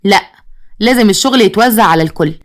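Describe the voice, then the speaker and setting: An outspoken Egyptian mother who pushes back hard against her husband, read by a woman storyteller. She talks very fast and firmly, at a middle pitch. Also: lightly acted. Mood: protesting. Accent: Egyptian Arabic. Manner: protesting, insistent.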